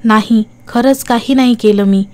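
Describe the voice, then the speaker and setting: A woman's voice: a little high, steady tone, moderate pace, darkish tone, lightly acted. A woman voicing a frightened young woman who pleads her innocence in a horror audiobook. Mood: pleading.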